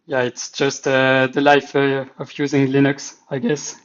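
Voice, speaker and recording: In an unhurried monotone at medium pitch, a French-speaking Swiss man talks in French-accented English during a casual live dev stream. He hesitates and uses lots of fillers as he thinks aloud getting the stream set up, and his lo-fi mic sounds slightly dull.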